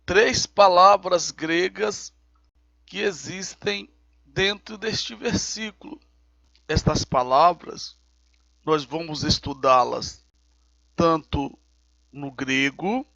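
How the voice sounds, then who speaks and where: A man teaching a recorded Bible lesson, explaining each term slowly and step by step. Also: high voice, vocal fry, a bit bright, dry recording, muffled recording. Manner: slow, deliberate, explains terms step by step.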